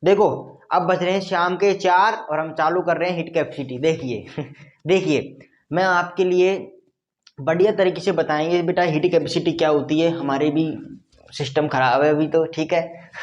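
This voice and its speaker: A man's voice: fairly high pitch, fairly even intonation, normal speed, muffled recording. Repetitive call-and-response male teacher. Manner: repeats points in call-and-response; answers for his students himself. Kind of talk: online lesson.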